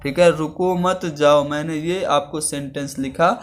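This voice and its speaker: Man, teacher, slightly high voice, patient step-by-step explaining. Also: steady tone. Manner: explains each term again in simple words, slows down for example sentences. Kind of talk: exam-prep lesson.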